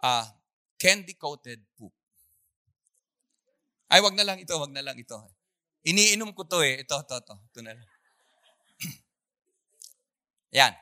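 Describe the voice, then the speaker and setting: A preacher tells a sermon story with great animation, acting out the scenes. The pitch leaps high and low all the time. The tone is bright and clearing of the throat comes often. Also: animated, normal speed, pauses often, no room sound, studio quality.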